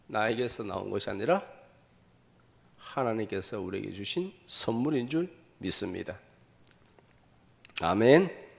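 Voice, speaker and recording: A male pastor delivers his sermon in a church sanctuary, his gravelly voice carried by a long hall reverb. His pitch rises and falls widely as he throws out rhetorical questions and answers them himself. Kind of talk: Sunday sermon.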